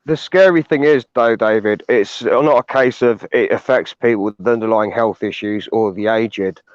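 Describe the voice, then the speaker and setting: A man from the United Kingdom, a guest talking in an earnest, measured way with some "um"s. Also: on the low side, dry recording. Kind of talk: casual chat. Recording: dry, dull lo-fi sound.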